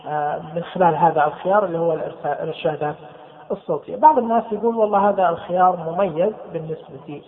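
A man, walking listeners through software settings step by step and repeating key terms. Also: fairly high pitch, rapid-fire. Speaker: instructor. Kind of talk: screen-reader software tutorial. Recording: tinny phone-like sound with long reverb.

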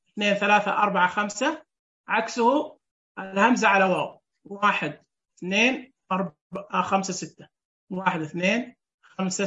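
A woman teaches a Braille class online, going through it step by step and counting the dots out loud. She keeps checking in with her students as she goes. Her voice sits at a middle pitch and comes through a dull, muffled recording. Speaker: Braille instructor.

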